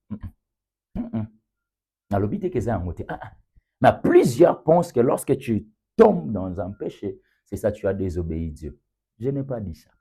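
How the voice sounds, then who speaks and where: A man preaching a sermon with emphatic rising bursts, quiet asides and occasional Lingala phrases. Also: low voice, slightly rough.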